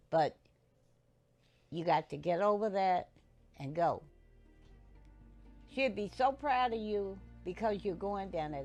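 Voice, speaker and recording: A woman coach talks softly and encouragingly, in a motherly way, over faint background music. Her tone is heartfelt and reassuring. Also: lowish voice, vocal fry. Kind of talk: heartfelt interview talk.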